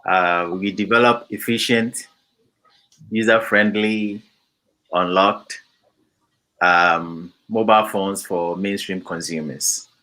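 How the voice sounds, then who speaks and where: Slow, bright-voiced man from Ghana. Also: low-pitched, fairly even intonation, low-quality recording. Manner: measured, hesitant, many fillers. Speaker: company founder. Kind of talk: interview answers, explaining a product.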